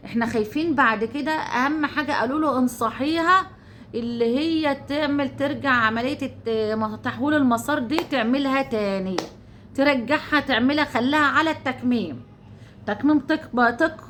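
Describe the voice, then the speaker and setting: A woman's voice: sits high, fairly bright tone, a little hiss or hum. An Egyptian woman vlogger talking casually to her viewers, chatty and repetitive, coaxing them as her dears.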